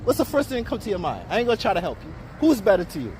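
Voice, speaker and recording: A man's voice: sits high, huge pitch swings, rapid-fire, darkish tone, slight background noise. A man filming casual street interviews on a handheld phone, talking in chatty street slang, out on city streets and in a car. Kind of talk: casual street vox pop.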